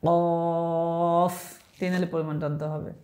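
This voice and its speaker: A woman in an online Quran class teaches Arabic letter pronunciation, patiently modelling each letter slowly and often checking with the listener. Her voice is medium in pitch with a darkish tone, and the room is echoey.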